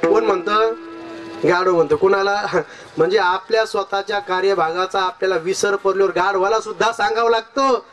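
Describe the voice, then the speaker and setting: A man's voice: high-pitched, steady tone, fairly quick, a bit bright, soft background music. A male kirtan preacher telling a folk parable with humor, speaking directly to his audience. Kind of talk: devotional kirtan sermon with folk storytelling.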